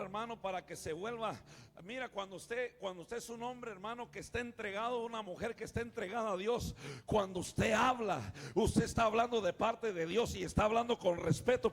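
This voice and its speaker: A male pastor preaching a sermon, calling out to the congregation and swinging from quiet asides to shouting. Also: high voice, vocal fry, slightly rough. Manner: calls out to the congregation, often says "hermano".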